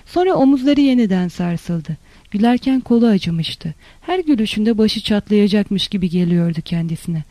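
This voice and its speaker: A narrator reading a literary novel in a steady, even storytelling manner. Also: mid-range voice, normal speed, no room sound. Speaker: audiobook narrator.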